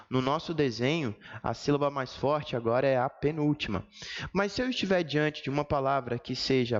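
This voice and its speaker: Brazilian man teaching in an echoey room. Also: fairly high pitch. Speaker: Portuguese grammar teacher. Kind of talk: exam-prep lesson explanation. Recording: reverberant room, dull lo-fi sound.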